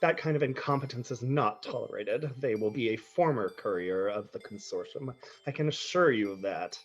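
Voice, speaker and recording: A man's voice: medium pitch, expressive, moderate pace, slightly rough, dull audio. Man voicing a stern, cold official woman. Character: stern female consortium official.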